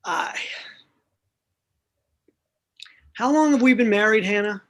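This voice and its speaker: A woman reading the role of a sheepish husband, with a halting, hesitant delivery in a comic play reading. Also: a little high, close to an everyday voice.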